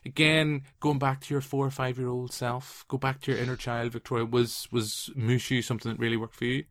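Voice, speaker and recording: A man in his late thirties hosting a casual film podcast, telling stories with quick asides and lively restarts. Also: medium pitch, no room sound, studio quality. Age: 30s. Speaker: podcast host.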